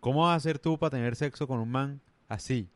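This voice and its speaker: A man's voice: mid-range voice, quick pace, no echo. A man from the Caribbean coast of Colombia with its accent, ranting casually in a rambling, emphatic way full of slang. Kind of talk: casual rant to camera.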